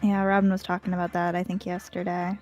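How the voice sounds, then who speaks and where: A woman's voice: lowish voice, little pitch movement, fast, a little mellow, soft background music. A young woman chatting casually and bluntly over a livestream headset mic while drawing, swearing freely. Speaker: art streamer.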